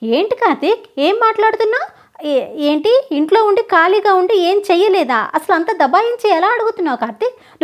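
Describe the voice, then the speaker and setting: A woman voicing a proud young wife who answers back firmly in a told story. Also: sits high. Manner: indignant, firm and reproachful. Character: hurt, proud young wife standing her ground. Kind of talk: storytelling with acted dialogue.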